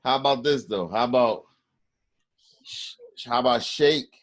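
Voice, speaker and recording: Relaxed man asking casual questions. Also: medium pitch, measured pace. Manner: relaxed, asks questions, laughs along. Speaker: podcast co-host. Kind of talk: casual sports chat.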